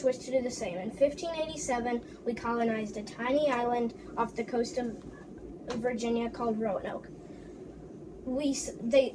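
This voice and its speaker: A woman playing a proud English explorer in a first-person history presentation, reciting haltingly with restarts. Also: fairly high pitch, lightly acted. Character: English explorer John Smith, proud man. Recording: distant mic with background noise.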